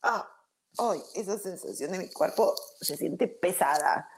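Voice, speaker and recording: A woman giving a casual motivational talk, lively and expressive, mixing in English words. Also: lowish voice, unhurried, creaky, slight background noise. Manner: lively, acts out feelings, mixes in English words. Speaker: spiritual speaker.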